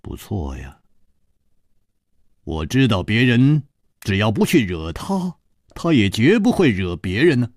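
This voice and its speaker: A man voicing a calm, weary gallant hero who speaks quietly and measuredly with sighs. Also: on the low side, unhurried, pauses often, no echo, studio quality.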